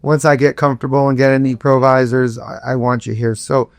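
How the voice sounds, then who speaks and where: Male podcast host, smooth resonant voice, eager, dry close mic. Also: medium pitch, steady tone, no room sound. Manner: enthusiastic, with quick bursts. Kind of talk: interview conversation.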